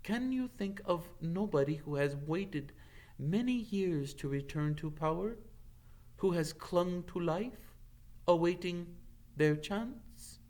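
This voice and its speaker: Man voicing a high-pitched, noble, solemn centaur. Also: animated, a little mellow. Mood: grave, solemn. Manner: measured, earnest, formal. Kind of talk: dramatic audiobook character reading.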